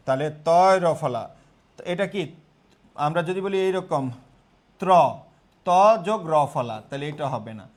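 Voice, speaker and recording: A man's voice: fairly high pitch, animated, a little slow, pauses often. A young man teaching grammar in a live online class, repeating terms and quizzing his students.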